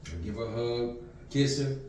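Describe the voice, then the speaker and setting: A man in his fifties from Louisiana, a guest talking calmly and reflectively in a casual interview, often saying "you know". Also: medium pitch, normal speed. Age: 50s. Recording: echoey room, distant mic, faint noise.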